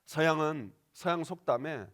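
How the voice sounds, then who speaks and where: Man, pastor, church sermon, dramatic delivery, high voice, swooping pitch. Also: animated, moderate pace, fairly bright tone. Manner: dramatic, acts out quoted voices, asks the congregation questions. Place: church sanctuary.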